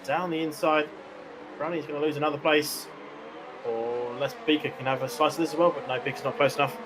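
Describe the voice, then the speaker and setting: Man, motorsport commentator, fairly high voice, reactive, repeats phrases for emphasis, clear engine noise behind. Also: steady tone, fairly quick, a bit bright, rough recording. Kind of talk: live motorsport commentary of an online race.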